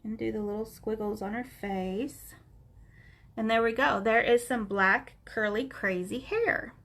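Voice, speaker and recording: Her voice is a little high and a bit bright, though congestion makes it nasal. Teaching coloring live as a craft instructor, she chats informally and greets viewers by name.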